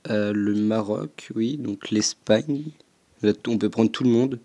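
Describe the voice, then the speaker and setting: A young man talks through a football game in casual commentary, pausing often to think aloud. His voice sits a little low and mellow, and he speaks slowly. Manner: slow, hesitant, thinking aloud with frequent "euh". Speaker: gaming YouTuber.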